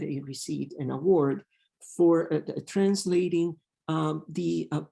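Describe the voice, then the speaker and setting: Slow, gravelly man with halting delivery. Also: a little high, darkish tone. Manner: halting, many pauses and fillers. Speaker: professor giving a talk. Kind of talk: academic lecture on poetry.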